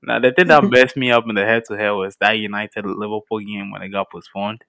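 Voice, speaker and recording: A man's voice: on the low side, steady tone, fairly quick, creaky, bright, forceful tone, clear, resonant tone. A man on a podcast panel chatting casually, teasing and swearing in slangy banter.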